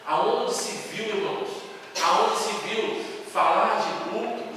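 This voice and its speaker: A man's voice: high voice, slow, bright, forceful tone, a little hiss or hum. A Brazilian man from São Paulo preaching a sermon as pastor, with emphatic delivery and many rhetorical questions to the congregation. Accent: Brazilian Portuguese, São Paulo. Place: church sanctuary. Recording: echoey hall, distant mic.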